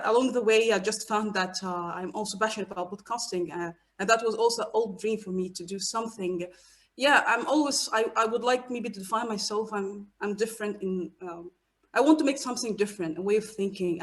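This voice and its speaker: A woman from Egypt, a guest researcher, talking about herself in a casual interview with many pauses and fillers. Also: mid-range voice. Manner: hesitant, many fillers and restarts.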